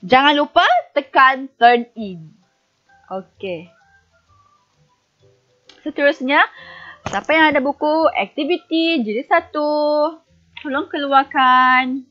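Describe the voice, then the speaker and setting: A woman teacher with a high, light voice leads a recorded online lesson at an unhurried pace. She patiently puts questions to her young pupils and then answers them herself. The recording sounds dull and lo-fi. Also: soft background music. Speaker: primary school teacher.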